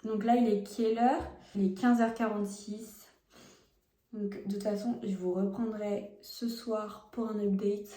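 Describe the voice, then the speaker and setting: Mellow-voiced young woman chatting to camera. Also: medium pitch, level tone, measured pace. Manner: frank, chatty, talks to viewers while applying makeup. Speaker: beauty vlogger. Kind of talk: casual makeup test vlog. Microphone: phone camera. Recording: roomy phone recording.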